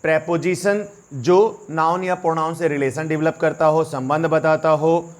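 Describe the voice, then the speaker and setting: A man's voice: a little high, little pitch movement, unhurried. A young man teaching English grammar in Hindi, mixing in English phrases and often calling his viewers friends. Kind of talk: explaining lesson to students.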